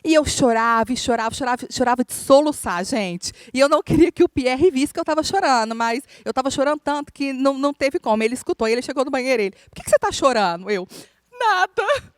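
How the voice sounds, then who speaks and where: A woman minister, preaching a sermon through a lively personal story and often calling out to the congregation. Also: high-pitched, fast, hardly any pauses, smooth, no room sound. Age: adult, married.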